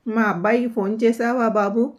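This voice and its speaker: Woman voicing a gentle, trusting old mother. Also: on the high side, fairly even intonation, normal speed, natural voice. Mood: pleading. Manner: pleading, soft-spoken. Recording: dull lo-fi audio.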